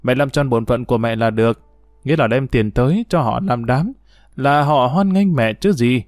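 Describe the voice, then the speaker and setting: A man voicing a sulky, defiant seventeen-year-old girl in a read-aloud story, talking back in a sharp, dismissive way. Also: mid-range voice, moderate pace, no room sound, studio quality, close to an everyday voice.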